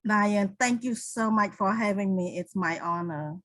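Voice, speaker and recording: An older woman in her sixties with a Cambodian accent answers an interviewer's questions in careful second-language English. She speaks very slowly at a middle pitch and often restarts her sentences. The recording is dry and close, with no room sound. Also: fairly bright tone, no room sound, low-quality recording. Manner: unhurried, with restarts and non-native grammar. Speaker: guest, speaker and author.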